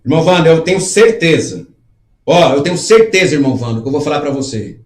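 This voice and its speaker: Quick-paced and lively in intonation, this fairly high male voice has a roomy sound. The middle-aged live-show host reads out comments and talks through them in an earnest, chatty way, performing small dialogues as he goes.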